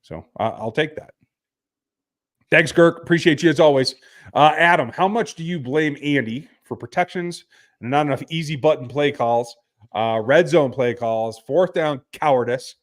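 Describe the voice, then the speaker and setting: A man's voice: on the high side, moderate pace. Blunt, laid-back male podcast host. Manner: blunt, laid-back, frequent fillers and restarts. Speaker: podcast host reading listener texts. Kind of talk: casual sports talk.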